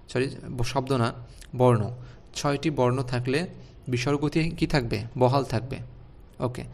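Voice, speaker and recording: A man's voice: mid-range voice, gravelly, a little mellow. A man teaching an online spelling lesson, explaining rules step by step and putting questions to his students. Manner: explains step by step, asks the class rhetorical questions.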